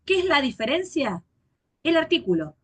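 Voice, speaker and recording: A woman's voice: high-pitched, sing-song. Patient woman teaching grammar. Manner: patient, repeats forms slowly and spells endings. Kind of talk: grammar lecture.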